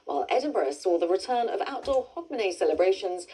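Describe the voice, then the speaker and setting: A woman anchoring a television news bulletin in a measured, clear delivery from a studio. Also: medium pitch, very animated, warm tone, recorded from a distance, rough recording. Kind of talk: scripted news reading.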